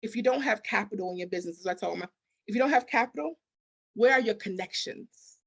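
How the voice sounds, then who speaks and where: Speaking fast with a creaky, medium-pitched voice, she comes through on audio with the highs cut off. As a business consultant and grant expert being interviewed conversationally, she's emphatic, firing rhetorical questions and role-playing bits of dialogue.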